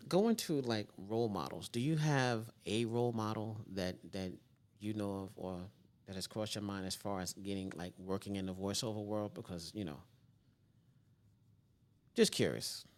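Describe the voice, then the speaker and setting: A man hosting a casual interview, repeating phrases and filling pauses with um and you know. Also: fairly low pitch, a little mellow. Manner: repeats words, laughs, many fillers. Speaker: interview host.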